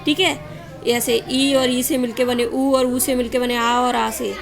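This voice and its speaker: A woman's voice: a little high, fairly even intonation, a little slow, vocal fry, over music. A woman teaching an exam-prep grammar lesson, asking quiz questions and answering them herself, stretching vowels to show their length. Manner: asks and answers her own quiz questions.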